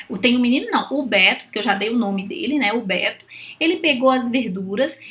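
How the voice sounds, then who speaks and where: A woman's voice: high voice, a bit bright. A woman teaching young children how to write, speaking patiently and often checking in with short questions. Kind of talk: children's writing lesson.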